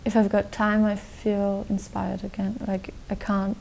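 A young woman from Austria answering interview questions in a relaxed, rambling way, full of likes and restarts, recorded in a dark studio. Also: mid-range voice, measured pace, gravelly, a little hiss or hum, rough recording. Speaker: guest musician. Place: dark television studio set.

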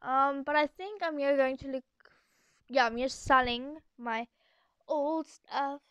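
A young girl hosts a gaming video with a casual, chatty, rambling voiceover, her high voice moving at a slow pace with a slightly bright tone. She has a sore throat and records at home in an echoey room, though the lo-fi audio itself carries no echo.

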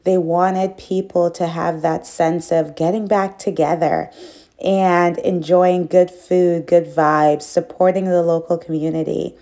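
A woman's voice: lowish voice, flat delivery, unhurried, warm tone. A woman steadily explaining the background of a local food festival in an informative way.

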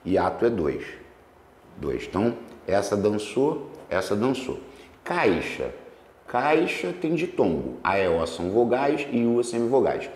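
A man with a lowish voice that swings widely in pitch walks through exam questions like a teacher at the board. He draws out words slowly to break them into syllables. The sound is roomy, with a long reverb tail. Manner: lively, stretches words slowly to spell out syllables. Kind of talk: solving exam questions on grammar.

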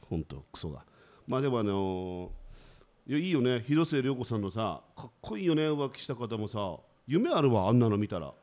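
Sardonic comedian, lively pitch. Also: male voice, normal speed. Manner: sardonic, self-mocking, grumbling. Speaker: radio show host. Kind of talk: casual comedic radio monologue. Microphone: studio microphone.

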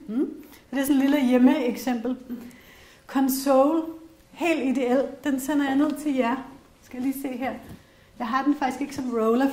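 A woman's voice: sits high, a little mellow. Chatty Danish woman presenter, roomy hall. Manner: chatty and candid, frequent fillers, personal anecdotes. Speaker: workshop presenter on essential oils. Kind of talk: casual spoken workshop talk to a live group. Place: workshop room with an audience. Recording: roomy echoey workshop room.

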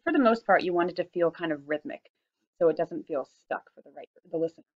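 A woman's voice: fairly low pitch, expressive, quick pace, lo-fi sound. A woman giving a casual online poetry lesson, chatty and informal with frequent fillers. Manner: chatty and informal, with many ums and likes. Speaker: teacher.

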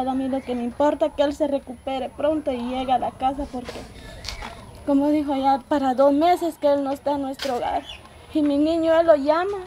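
A woman's voice: high-pitched, warm tone, a little hiss or hum. A young woman, talking earnestly and tearfully outdoors, thanking God and describing her hardship. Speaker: recipient of donation. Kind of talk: emotional outdoor testimony. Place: rural dirt yard outdoors.

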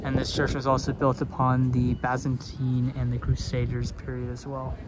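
A man's voice: medium pitch, completely flat delivery, moderate pace. A young man narrating a casual travel vlog in a loose, chatty way, with lots of fillers and self-corrections. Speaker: travel vlogger. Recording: busy crowd noise around him.

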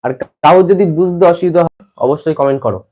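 A man's voice: a little high, quick pace, a little mellow, low-quality recording. A man from West Bengal teaching an exam-prep lesson to students. He often repeats phrases and restarts as he explains.

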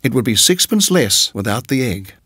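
Here the male narrator voices a fussy, syrupy landlady in middle age, sweet on the surface yet unsettling, raising his voice for her as a full character. Each line is cooed with lilting, excessive pleasantness that never settles. His pitch is medium with big swings at a moderate pace, and the tone is bright, forceful and husky, recorded dry and close.

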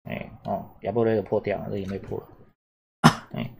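A man's voice: lowish voice, steady tone, brisk, vocal fry, noisy background. A man teaching a casual exam-prep lesson, repeating points and checking whether students follow. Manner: chatty, repetitive, asks "懂哈？有没有？" often. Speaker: Japanese teacher.

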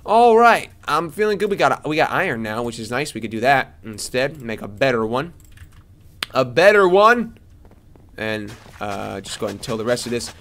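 A young man giving casual commentary as he plays a game, chatty and excitable, talking to the characters on screen. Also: a little fast, hardly any pauses, slight background noise. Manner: excitable, jumps to high squeals. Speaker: let's play gamer.

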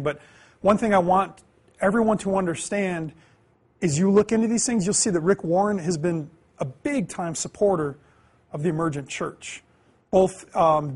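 Man in his 30s, classroom lecturer; high, husky voice, earnest, quizzes the room. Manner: earnest, asks the class questions, swings between loud emphasis and quiet asides. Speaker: Bible class teacher. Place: classroom, indoors.

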